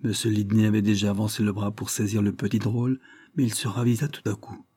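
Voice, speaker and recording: A man reads a novel aloud in calm, measured narration. His voice is low-pitched and husky. The recording is dry and close. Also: no room sound. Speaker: audiobook narrator. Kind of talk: scripted narration.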